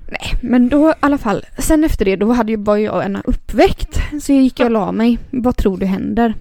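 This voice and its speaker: Animated woman, high voice. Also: no echo. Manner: animated storyteller, acts out quotes. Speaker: podcast co-host. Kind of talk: casual chat.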